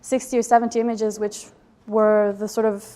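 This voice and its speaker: A woman's voice: mid-range voice, level tone, moderate pace, warm tone. Hesitant woman with a mixed accent. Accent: indeterminate mix of English and French. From Geneva border area, Switzerland/France. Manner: hesitant, many ums, reflective. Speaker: photographer presenting her residency project. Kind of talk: artist talk to an audience.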